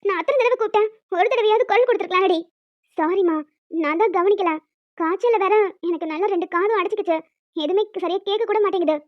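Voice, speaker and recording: A woman voicing several emotional village women and a young daughter in a cartoon, fast and dramatic, scolding and tearful. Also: very high voice, dry recording. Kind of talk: cartoon voice acting. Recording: dull, dry lo-fi recording.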